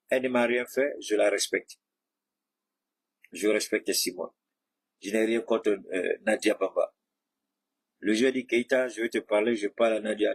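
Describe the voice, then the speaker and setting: A man's voice: lowish voice, husky. A man giving a heated, mocking political commentary, speaking straight at his rivals. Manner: mocking, combative, addresses rivals directly.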